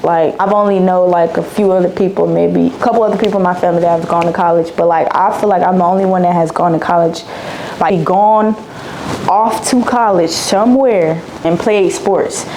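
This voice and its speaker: A woman's voice: on the low side, fairly even intonation, normal speed, mellow, a little hiss or hum, low-quality recording. Chatty slangy young woman. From Dallas, Texas. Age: 20s. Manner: chatty, slangy, repeats herself. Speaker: vlogger. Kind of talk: casual Q&A vlog.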